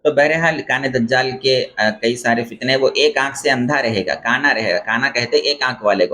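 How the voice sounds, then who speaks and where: A man's voice: medium pitch, a bit bright, a little hiss or hum. Man giving a religious lecture. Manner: explains terms and corrects pronunciation; repeats phrases for emphasis. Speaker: Islamic scholar teaching beliefs.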